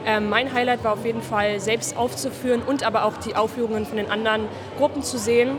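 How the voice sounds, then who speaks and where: A young woman answering interview questions in a steady, composed way. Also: on the high side, quick pace, music in the background. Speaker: festival participant. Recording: crowd chatter at a busy event.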